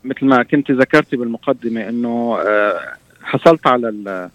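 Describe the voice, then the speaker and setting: A man's voice: mid-range voice, brisk, a bit bright, dry recording, poor audio. A man in his fifties from Syria with a Levantine Arabic accent, answering interview questions conversationally and often searching for his words. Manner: hesitant, searching for words with trailing repeats. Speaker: interview guest, doctor.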